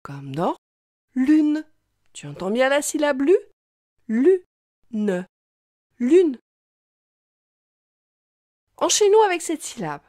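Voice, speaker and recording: Slow, sing-song woman teaching kids. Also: sits high, huge pitch swings, darkish tone, dry recording, studio quality. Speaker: reading teacher. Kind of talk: children's reading lesson.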